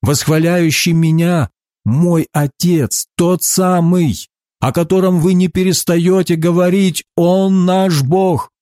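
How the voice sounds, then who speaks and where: A man reading the words of a calm, earnest male teacher in a solemn, emphatic way. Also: high voice, takes it slowly, dry recording, studio quality, pitched above the performer's own voice.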